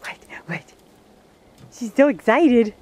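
A woman's voice: a little high, animated, takes it slowly, darkish tone, husky. A woman outdoors in the snow, filming her dog on a handheld camera and talking to it in a coaxing pet-talk voice with commands and praise. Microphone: handheld camera she is filming with.

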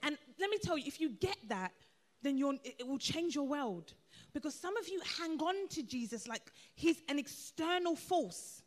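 A woman, preaching a lively sermon in church with laughing asides. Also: high voice, normal speed. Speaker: pastor.

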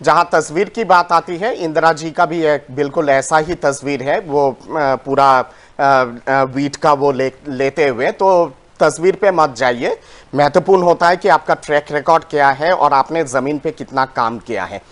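A man's voice: fairly high pitch, normal speed, a bit bright. A man, a political analyst on a TV debate panel, speaking indignantly and switching into English. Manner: indignant, mixes English into his talk.

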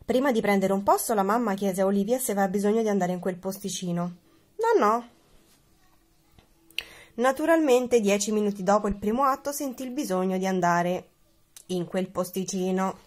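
A woman reading a children's picture book aloud in an expressive, animated way. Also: medium pitch, fairly quick. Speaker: reader.

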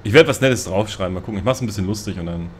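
A man's voice: lowish voice, rapid-fire, slight background noise. A man casually telling a rambling, self-mocking story in a group voice chat, often laughing at himself. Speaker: gamer on a multiplayer voice chat.

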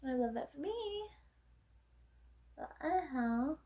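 A woman's voice: sits high, lively intonation, takes it slowly, mellow. A young woman in her twenties chatting casually to the camera in a late-night vlog, rambling with many fillers and self-mocking asides. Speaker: vlogger.

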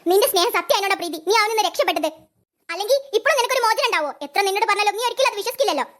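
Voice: very high voice, animated, very fast, a bit bright. A performer voicing a caring young woman comforting her friend in a cartoon. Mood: consoling. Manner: consoling, earnest.

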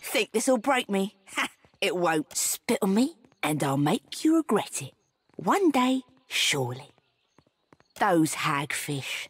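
A woman's voice: mid-range voice, very animated, slow, husky, exaggerated voice. A woman voicing a defiant, sarcastic young pirate tied up as punishment in a video game.

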